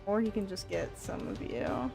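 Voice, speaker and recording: A woman running a tabletop roleplaying game as dungeon master, unhurried and laughing often. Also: mid-range voice, gravelly, a little mellow, soft background music.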